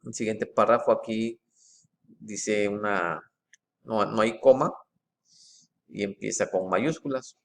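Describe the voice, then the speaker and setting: A man, methodically comparing book editions in an informal walkthrough. He reads passages aloud and pauses often with fillers and restarts. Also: fairly low pitch, creaky, a bit bright, slight background noise.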